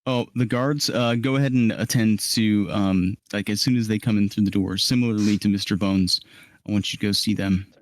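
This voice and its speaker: Calm, directive game master, low voice. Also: male voice, a little fast. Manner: calm, directive, frequent ums. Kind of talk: briefing players for a live tabletop role-play. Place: live stream.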